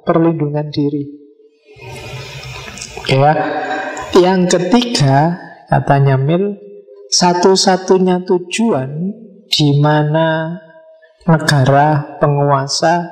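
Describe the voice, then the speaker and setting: A man's voice: fairly high pitch, a little mellow, rough recording. Man lecturing conversationally. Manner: conversational, explains with everyday examples, acts out little dialogues. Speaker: philosophy lecturer. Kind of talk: relaxed philosophy lecture.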